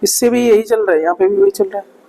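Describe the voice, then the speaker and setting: A man leads a vocabulary lesson for job-exam students. He repeats key words slowly and keeps stopping to check that the class follows. His voice rings with a long hall reverb. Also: sits high, vocal fry, warm tone. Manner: keeps asking "ठीक है ना?" between explanations. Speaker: teacher.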